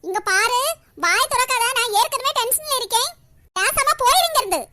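A woman's voice: very high voice, animated, moderate pace, bright, forceful tone, full character voice. A woman voicing a tense, irritable young woman about to be seen by a groom's family, speaking curtly with a Kanyakumari Tamil accent. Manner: snappish, curt.

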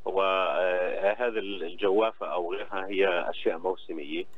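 A middle-aged man with a Palestinian accent, speaking as an interview guest over the phone and explaining things in a halting way with repeated words. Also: low-pitched, steady tone. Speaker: phone-in guest, agriculture official. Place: on the phone to a radio studio. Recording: dull phone line with clear hum.

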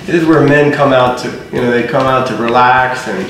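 A man's voice: medium pitch, steady tone, fairly quick, noisy background. Boastful male TV host in echoey shop. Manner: boastful, playful showman. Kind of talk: casual on-camera chat. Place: large barber shop indoors. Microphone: far camera mic. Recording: echoey room, far from mic.

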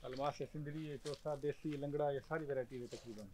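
Young farmer answering in short plain replies. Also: male voice, mid-range voice, steady tone, brisk, darkish tone, a little hiss or hum, low-quality recording. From Pakistan. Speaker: farmer guest. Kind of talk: casual conversation. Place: outdoors in a mango orchard.

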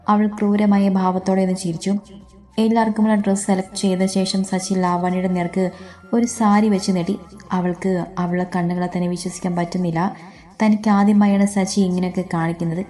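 A woman reading a story aloud as narrator in a steady, even way. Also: on the low side.

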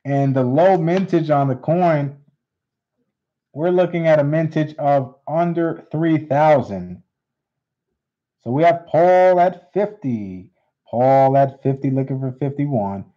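A man hosting a live coin auction, repeating bids in steady auctioneer patter. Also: on the high side, takes it slowly. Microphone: unseen, hands on camera. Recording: dull lo-fi stream audio.

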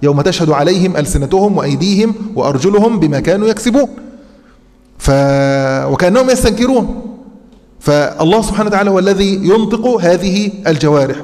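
A man with an Egyptian Arabic accent, a sheikh giving a classroom lecture on scripture, who explains by posing rhetorical questions and pauses often on hesitant fillers. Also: high voice, a little mellow. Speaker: sheikh teaching Quran commentary. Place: mosque lecture hall. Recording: long reverberant hall.

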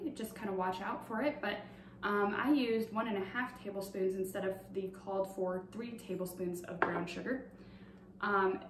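A young woman with a medium-pitched voice casually walks through a recipe in her home kitchen, explaining each step with lots of fillers. The audio comes from a far-off camera on a tripod, sounding roomy and distant with a little hiss or hum.

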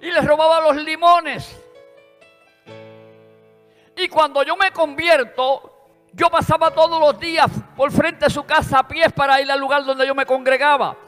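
High, bright-voiced Puerto Rican preacher. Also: male voice, level tone, unhurried. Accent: Puerto Rican Spanish. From Puerto Rico. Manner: fervent, rising to shouted praise. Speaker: pastor. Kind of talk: preaching a sermon. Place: church sanctuary. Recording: long church reverb with instrumental music.

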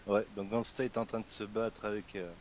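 A man's voice: lowish voice, flat delivery, brisk, very noisy. A man chatting and teasing his friends over voice chat while playing a fishing game. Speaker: gamer commentating. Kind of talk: casual group chat over voice call.

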